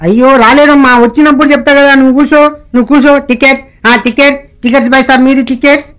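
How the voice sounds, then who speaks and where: A man's voice: very high voice, fairly even intonation, racing, fairly bright tone. A man playing a busy, bossy bus conductor who calls out for tickets brusquely.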